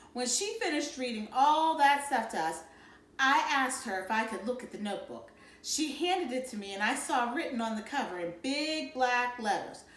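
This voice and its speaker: A woman reading a novel aloud to children and explaining it as a teacher. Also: high voice. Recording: roomy echo.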